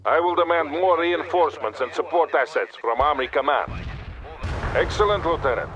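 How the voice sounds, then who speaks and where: In a military video game, a male actor plays a stern, composed Soviet army colonel with a Russian accent, issuing measured, commanding orders with authority. His voice is a little high and animated, close to an everyday voice, though the audio is dull. Battle gunfire, artillery and vehicles sound behind him.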